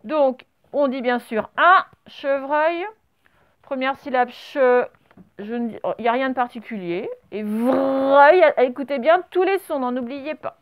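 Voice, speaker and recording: A woman teacher leads a spelling dictation for young children, recorded to camera. Her voice sits high, and she talks patiently, spelling words out letter by letter. The sound is dry, with no room echo. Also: animated, a little slow, smooth, lo-fi sound. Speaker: primary school teacher.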